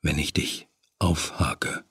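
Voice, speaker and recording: A seductive demon with a hook for a hand, his body swarming with bees, murmurs in a deep, husky near-whisper, as a male narrator puts him on. He draws every word out slowly and menacingly. The audiobook recording is dry and close. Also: fairly even intonation, no room sound, exaggerated voice. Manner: low murmuring, sinking to a hushed whisper.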